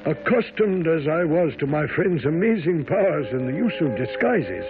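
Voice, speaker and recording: High male voice, genteel loyal doctor, polite storytelling, tinny old radio drama, music behind. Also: sing-song, normal speed. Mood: reflective narration. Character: loyal, genteel doctor companion recounting the case. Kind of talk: 1970s radio drama narration and acting.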